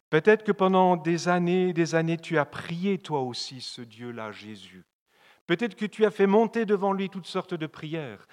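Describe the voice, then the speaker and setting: A man with a Swiss French accent preaching a fervent sermon in church, repeating phrases and swinging from loud appeals to soft, low asides. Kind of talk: evangelistic sermon. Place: church hall. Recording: long hall reverb.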